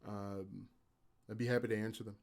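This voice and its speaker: A man hosts a casual live stream on his YouTube channel. His voice is raspy, and his manner is even-keeled and low-energy, halting with fillers.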